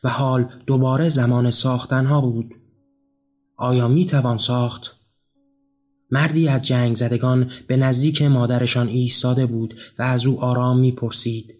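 Reading a literary story aloud, a man speaks at an ordinary pitch in a measured, somber and level tone. Soft music runs faintly beneath his narration.

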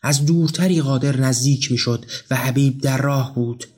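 A man narrating a literary story in a measured, somber way. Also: medium pitch, darkish tone, breathy edge. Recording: faint music behind the voice.

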